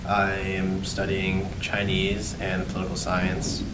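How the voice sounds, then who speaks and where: Young male student, lowish voice, distant and echoey with heavy noise. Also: monotone, slow pace. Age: young adult. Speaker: student, squash coach. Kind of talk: casual interview. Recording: distant, roomy, loud noise.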